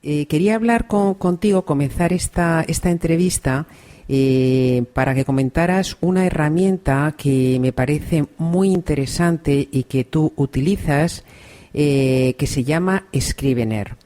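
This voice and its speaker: A podcast host from Spain, speaking with a Spanish accent, runs an interview in a relaxed manner and often adds soft affirmations. Her voice is low-pitched and unhurried.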